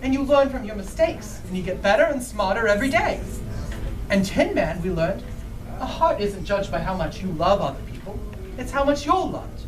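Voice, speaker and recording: A woman playing a friendly, excitable Scarecrow who tells a story live to children and puts questions to the listeners. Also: medium pitch, normal speed, lightly acted. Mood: earnest, reassuring. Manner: animated, asks the listeners questions. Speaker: costumed storyteller. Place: bookstore live event. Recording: distant mic, music behind.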